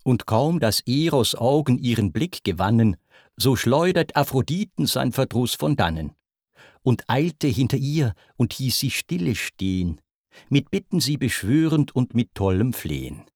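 A man reciting rhymed verse in a measured, rhythmic way. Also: mid-range voice, very animated, darkish tone, no room sound, studio quality. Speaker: reader.

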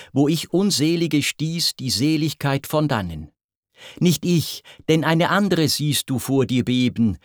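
Brief: man putting on proud jilted queen goddess, pleading verse lines, slow and deliberate. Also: on the high side, no echo, clean studio sound, pitched above the performer's own voice. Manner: raised pleading verse recitation. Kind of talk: verse poem recitation.

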